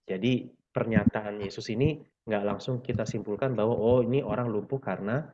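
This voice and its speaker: Patient lower-voiced man, muffled call audio. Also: steady tone, a little fast, noisy background. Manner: patient, explanatory, frequent fillers. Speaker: Bible study leader. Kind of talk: explaining scripture in a group discussion.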